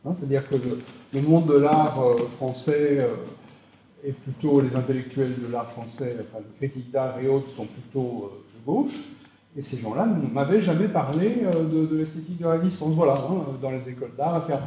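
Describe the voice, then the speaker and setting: Speaking briskly in a medium-pitched, dark-toned voice, an audience member poses a lengthy, meandering question from the floor at a public discussion, full of hesitations and fillers. The dull hall echoes, and there's slight background noise.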